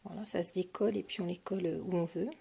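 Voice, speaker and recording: A woman's voice: fairly low pitch, steady tone, fast talker, creaky, background noise. A French woman casually showing her craft supply purchases on camera, talking with many hesitations and fillers. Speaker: crafting vlogger. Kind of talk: casual product haul.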